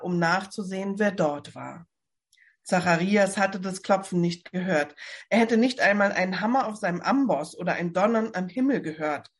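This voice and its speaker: A woman reading a Bible novel aloud from home for a church service, in calm storytelling. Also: mid-range voice, breathy edge. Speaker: lay reader.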